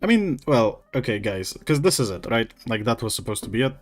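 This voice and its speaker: A man hosting a casual chat on a voice call, quick and loose, with lots of fillers and small laughs. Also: mid-range voice, big pitch swings. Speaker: host. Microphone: voice call headset or desk mic.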